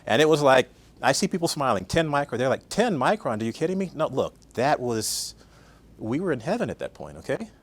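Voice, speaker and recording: A man's voice: medium pitch, very animated, a little fast. An older man giving a conversational conference talk, often asking the audience questions. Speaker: guest speaker.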